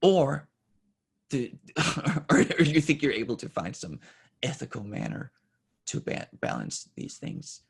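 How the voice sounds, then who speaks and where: This interview guest is a native Danish man in his forties whose husky, gravelly voice stays at medium pitch but swings widely. He speaks candidly, stopping and self-correcting as he goes.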